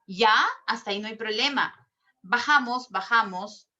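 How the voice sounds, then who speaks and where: A woman's voice: a little high, pushed and bright, highs cut off. A woman teacher explaining a lesson in an online class, patient and step by step, checking with questions as she goes. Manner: slow and drawn out. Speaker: language teacher.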